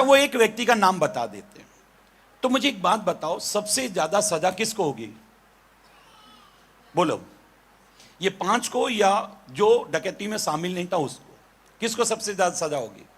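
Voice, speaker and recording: A male pastor preaching a sermon, animated and questioning his congregation. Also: high-pitched, breathy edge. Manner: animated, calls on listeners with questions.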